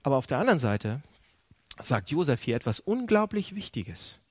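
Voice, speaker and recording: A man's voice: mid-range voice, normal speed, breathy edge, no room sound, clean studio sound. A man preaching a sermon, asking his listeners questions and often restarting or correcting himself mid-phrase. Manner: animated preaching, asks the audience questions. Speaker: pastor. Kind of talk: sermon to a congregation.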